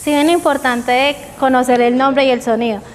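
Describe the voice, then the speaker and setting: A woman leads a teacher training session, slowly modeling letter sounds and asking the group check questions. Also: high-pitched, steady tone. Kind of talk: training workshop lecture. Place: training room. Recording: reverberant hall with faint background noise.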